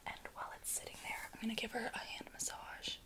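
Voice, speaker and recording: A woman in her twenties whispering and speaking softly as she hosts a personal-attention ASMR session. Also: fast talker. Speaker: ASMR host giving a massage. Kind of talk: soft-spoken whispered ASMR. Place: small bedroom, indoors.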